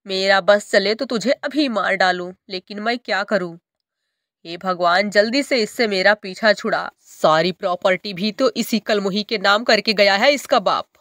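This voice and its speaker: A woman's voice: medium pitch, normal speed, a bit bright, dry recording, clean studio sound, close to an everyday voice. A woman playing a cruel stepmother bird. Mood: scolding. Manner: harsh, taunting and bossy. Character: cruel, scolding adult female stepmother bird.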